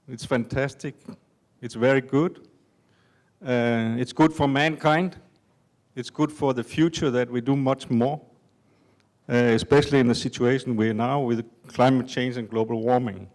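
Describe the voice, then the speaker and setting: Unhurried older man at a conference. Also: mid-range voice, darkish tone. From Denmark. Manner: unhurried, halting with fillers. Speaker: conference speaker. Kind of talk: conference talk. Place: conference hall.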